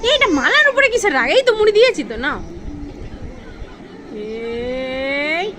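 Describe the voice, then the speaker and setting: A woman's voice: high-pitched, sing-song, a little slow, crowd noise, background noise. A young adult woman, a mother, talking baby talk to her infant in a coaxing, sing-song way, over background music.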